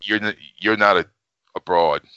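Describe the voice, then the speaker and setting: A man chatting casually as a podcast panelist, halting and slangy with plenty of swearing. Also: deep voice, fairly even intonation, bright, forceful tone, smooth, no echo, muffled recording. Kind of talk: casual chat.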